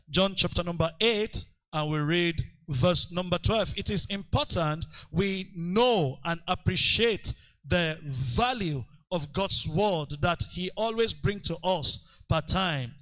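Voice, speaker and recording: A male preacher giving an excitable sermon, leading the congregation in call-and-response declarations. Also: high-pitched, low-quality recording. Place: church service.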